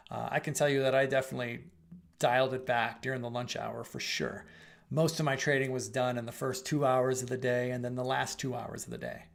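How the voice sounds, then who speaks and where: Hosting a live trading stream, a middle-aged man fields viewer questions in a loose, conversational way, full of fillers and restarts as he thinks out loud. His voice sits at medium pitch with a creaky quality, and it's starting to go, so he clears his throat.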